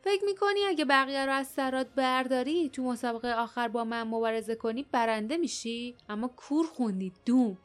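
A woman's voice: on the high side, hardly any pauses, soft background music, close to an everyday voice. A woman voicing a defiant young heroine. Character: brave young female fighter, sharp and defiant.

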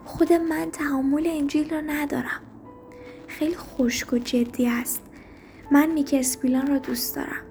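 High-voiced woman reading a story softly. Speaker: story reader. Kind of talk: audiobook story narration.

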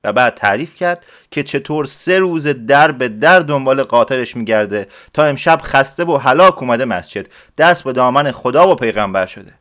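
A man reading a story aloud in steady, measured narration. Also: medium pitch. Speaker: story reader. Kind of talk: scripted narration.

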